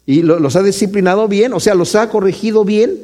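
A male pastor preaches a conversational sermon in a high-pitched, brisk, warm voice. He keeps checking in with listeners through frequent tag questions.

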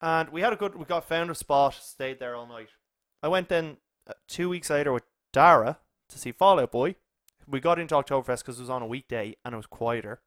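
A young man chatting casually on a podcast, spinning a rambling story about a night out. His voice sits at an ordinary pitch, and the recording is dry and close, with no room sound. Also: a little fast, no echo. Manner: rambling, animated storytelling with restarts. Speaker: podcast co-host. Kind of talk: casual chat.

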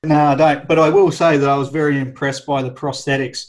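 A man's voice: a little high, fairly even intonation, a little fast, poor audio. A man in his thirties co-hosting a casual film review chat, who shares trivia keenly and chuckles as he talks. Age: 30s. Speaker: podcast co-host.

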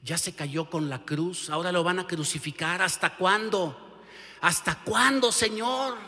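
A man putting on an anguished angel of the heavenly host, pleading loud and high for permission to act. The cries climb sharply above his usual preaching pitch. Long hall reverb trails behind each plea. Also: measured pace, full character voice. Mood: desperate pleading.

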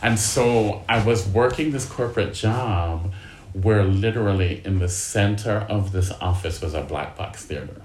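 A middle-aged man, an actor, telling a story from his career in casual talk, with lots of filler likes and lively voices when he acts out what others said. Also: fairly low pitch, measured pace. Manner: chatty, many filler likes; animated when acting out quoted people. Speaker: actor guest. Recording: roomy echo.

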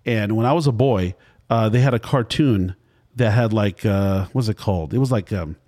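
Warm and fairly low, this podcast host's voice keeps a normal speed. He's in his fifties, running a casual food show, and his interview chat drifts into long, meandering stories.

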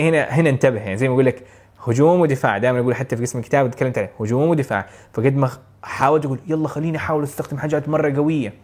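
A rapid-fire Saudi man with a Hejazi lilt, talking a viewer through exam tips. He keeps things light and energetic, with frequent chuckles, and drops English phrases into his Arabic. His voice sits at an ordinary middle pitch. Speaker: IELTS speaking tutor. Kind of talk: casual instructional talk to camera.

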